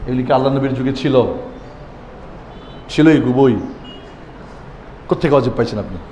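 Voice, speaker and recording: A man teaching Quran reading to a class, asking pointed rhetorical questions and chanting letters and verses in drawn-out tones. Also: mid-range voice, dark tone. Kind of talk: classroom lesson. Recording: echoey room with long reverb, faint background noise.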